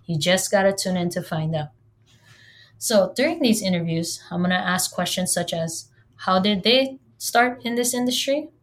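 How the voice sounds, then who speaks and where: A woman from Hawaii in her thirties, whose first language is Hawaiian, hosts a solo podcast with a medium-pitched voice at a moderate pace. She's chatty and joking, speaking directly to her listeners.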